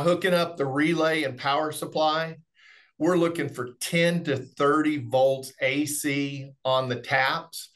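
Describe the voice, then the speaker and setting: Speaking at medium pitch with a slightly bright sound, this middle-aged man is a remote monitoring specialist giving webinar technical training. His style is folksy and explanatory, and he's indoors on a video call.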